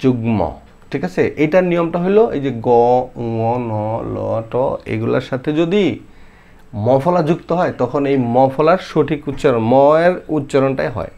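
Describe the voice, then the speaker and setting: A man's voice: a little high, animated, creaky, a little mellow. Man teaching spelling rules. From Bangladesh. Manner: conversational, repeats example words slowly, asks rhetorical questions. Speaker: primary school teacher. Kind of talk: explaining Bangla spelling rules to viewers.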